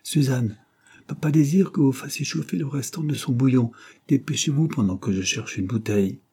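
A man voicing a gentle, devoted young married daughter who speaks softly and pleads with worry. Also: medium pitch, normal speed, slightly rough, voice pushed up. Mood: worried.

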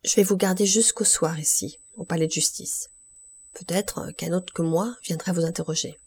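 A woman voicing an anxious, pale male crown prosecutor in an audiobook, commanding and then hushed. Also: fairly low pitch, normal speed, breathy edge. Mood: urgent.

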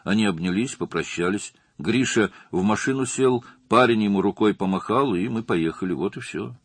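A man's voice: lowish voice, moderate pace, breathy edge, no room sound. A man reading an audiobook, voicing a nervous, talkative young male witness who is eager to please. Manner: chatty and defensive.

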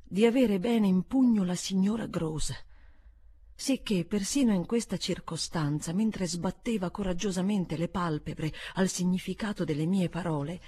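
A woman narrating a literary audiobook in a measured, expressive storytelling manner. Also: fairly low pitch, breathy edge. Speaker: audiobook reader.

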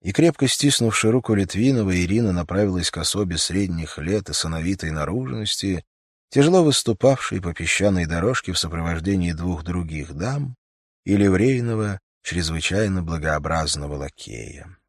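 Мужчина спокойно и размеренно читает вслух литературное повествование. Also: male voice, deep voice, lively intonation, moderate pace, dry recording, clean studio sound. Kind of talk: audiobook narration.

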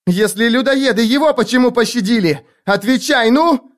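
A woman's voice: sits low, big pitch swings, fairly quick, pitched above the performer's own voice. A man voicing a fierce young street girl who screams insults in a furious, spitting way. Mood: accusing shouts.

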